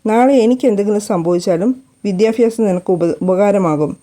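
A woman voicing a kind, joking young husband in a storybook reading, speaking softly and affectionately. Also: high voice, a little fast, natural voice. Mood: tender. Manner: soft, affectionate.

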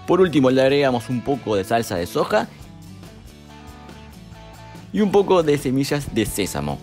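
A young man, calmly narrating a cooking recipe step by step as a voice-over, with music behind him. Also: medium pitch, moderate pace. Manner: calm step-by-step instructions. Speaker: cooking channel host.

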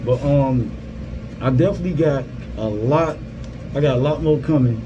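A man's voice: mid-range voice, moderate pace. A man in his thirties giving a casual vlog update through a cloth face mask, slightly muffled, informal and repeating his phrases. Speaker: gaming content creator. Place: small security guard booth. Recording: clear vehicle and ambient background noise.

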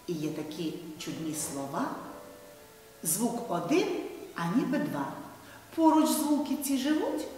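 A woman teaching a video lesson to first graders, talking slowly in a sing-song way and speaking directly to the children. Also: fairly low pitch. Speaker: primary school teacher. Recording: roomy hall, far mic, soft music.

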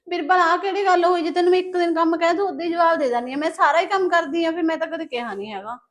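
A woman's voice: very high-pitched, racing. A woman playing a hardworking, put-upon elder sister-in-law who earnestly protests in a village family drama. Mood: protesting.

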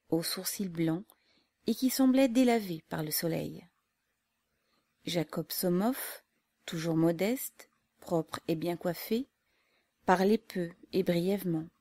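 A woman narrating a classic novel as an audiobook in a calm, measured way. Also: on the low side, no room sound. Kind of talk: scripted narration.

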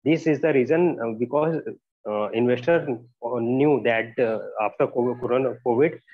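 A young man giving halting, deferential answers as a candidate in a job interview. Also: medium pitch, no echo. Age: young adult. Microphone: earphone mic on a video call. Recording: dull lo-fi video call audio.

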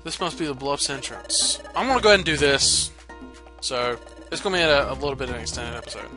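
Over video game music, a man with a mid-range voice gives fast, casual, irreverent let's play commentary. He reads the game's dialogue aloud and adds playful asides.

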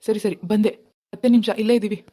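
A woman voicing a worried middle-aged husband and father in an animated family drama, calm and reassuring. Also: medium pitch, very fast, pitched below the performer's own voice, close to an everyday voice.

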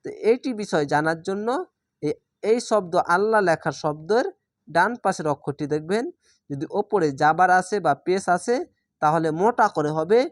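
A woman teaching Quran reading from Bangladesh, spelling each syllable slowly, then blending it into the whole word. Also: lowish voice, no echo, clean studio sound. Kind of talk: slow spelled-out recitation lesson.

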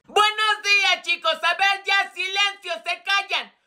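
A man voicing a fussy, sentimental male high school teacher with a Mexican accent who scolds and whines. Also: steady tone, measured pace, pushed and bright, exaggerated voice. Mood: scolding. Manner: scolding, whiny.

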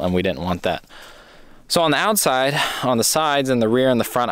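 A young man casually walking through his homemade camping trailer outdoors, chatty and relaxed, often correcting himself mid-sentence. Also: medium pitch, clear, resonant tone, no room sound. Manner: relaxed and chatty, with frequent fillers and self-corrections. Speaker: DIY trailer builder giving a walkaround. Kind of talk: casual off-the-cuff walkaround. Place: outdoors at a campsite.

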